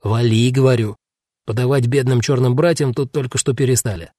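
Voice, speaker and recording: A man voicing a gruff, weary male guard who dismisses people in blunt street slang. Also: medium pitch, fairly even intonation, brisk, mellow, no room sound, studio quality, natural voice. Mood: dismissive.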